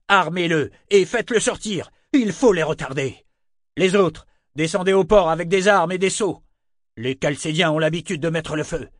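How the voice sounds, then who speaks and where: A flustered middle-aged merchant, voiced by a man reading an audiobook, barks urgent commands in a raised, strained voice. He sounds alarmed and bossy, pushing his words out loud. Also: fairly high pitch, no echo, studio quality, pitched above the performer's own voice. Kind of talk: audiobook character voice.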